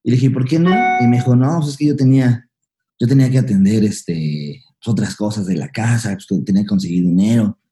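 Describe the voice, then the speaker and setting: Man, Mexican accent, rapid speech, very dark tone, slangy storyteller. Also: lowish voice, soft background music. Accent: Mexican Spanish. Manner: fast, slangy, acts out past dialogue. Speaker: guest, comedian. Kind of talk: candid storytelling interview.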